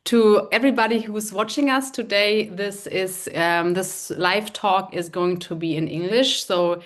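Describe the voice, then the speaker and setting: A woman with a German accent hosts a live online interview. She talks at a middling pitch and pauses often with fillers as she hands over to her guests. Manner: hesitant, with many fillers. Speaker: host.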